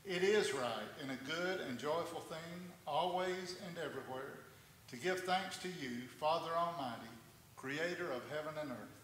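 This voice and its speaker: A man with a slightly high, bright voice leads a communion service, reading slowly and reverently. His words ring out with a long cathedral echo through a large church sanctuary. A faint hiss sits under the recording. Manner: measured, reverent reading with slow stresses. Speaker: pastor. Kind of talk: leading a communion liturgy. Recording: echoey church hall from a distance, faint noise.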